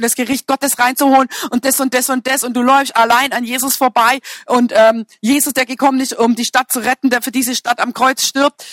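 Woman preacher with a brightish voice, casual and joking, ribbing the room, dry sound. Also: fairly high pitch, no room sound. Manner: humorous, chatty, teasing the congregation; fillers and self-corrections. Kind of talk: sermon.

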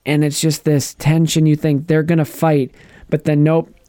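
A man chatting casually on a podcast, retelling a TV episode with lively acted-out lines and frequent restarts. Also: fairly high pitch, normal speed, clear, resonant tone, no room sound, clean studio sound. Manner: animated storyteller, acts out characters' lines, restarts often. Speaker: podcast co-host. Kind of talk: casual chat recapping a TV episode.

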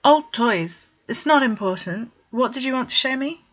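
A woman's voice: fairly high pitch, animated, moderate pace, fairly bright tone, pitched above the performer's own voice. A woman voicing a nervous young man who covers up a secret and then coaxes his brother, on a dull lo-fi recording. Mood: flustered. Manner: flustered, evasive, then teasing.

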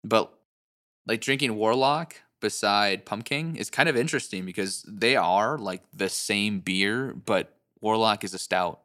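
Low-voiced man chatting at a game. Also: measured pace, pushed and bright. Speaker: tabletop game player. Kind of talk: casual chat.

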